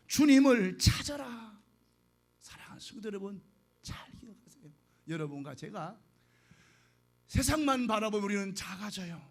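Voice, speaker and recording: Male pastor preaching, pretty high voice, swings quiet to loud, gets the church to repeat prayers. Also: gravelly. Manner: emphatic preaching with call-and-response prayers; volume swings from soft to loud. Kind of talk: sermon.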